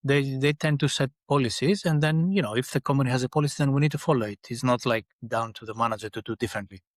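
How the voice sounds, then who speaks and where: A man's voice: medium pitch, fast, no echo. A middle-aged man from Greece, a guest in a podcast interview, speaking in a thoughtful way with many restarts. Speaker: guest, engineering leader. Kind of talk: conversational interview.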